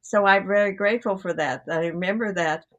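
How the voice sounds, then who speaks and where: A woman's voice: mid-range voice, a little fast, fairly bright tone, lo-fi sound. Rambling older woman co-host. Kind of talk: casual conversation.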